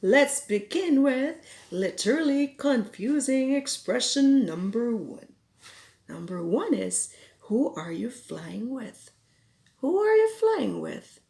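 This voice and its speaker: In a slow, careful lesson, a Filipino woman from the Philippines whose native tongue is Cebuano explains English expressions, quoting example phrases as she goes. Her voice sits at a medium pitch and is creaky with a somewhat dark tone. She's recording at home in Ireland.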